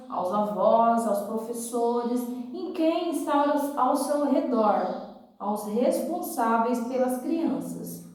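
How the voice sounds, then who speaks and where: A woman's voice: high voice, darkish tone, recorded from a distance. A Brazilian woman teaching preschoolers like a kids show host, explaining simply and repeating herself as she tells a story to small children. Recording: very echoey room, away from mic.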